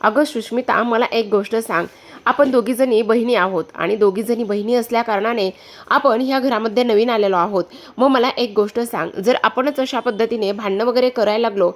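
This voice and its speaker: A woman's voice: on the high side, moderate pace, lightly acted. A woman voicing a young married elder sister who scolds and pleads in a retold serial story, in her own voice. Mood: scolding. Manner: lecturing, pleading.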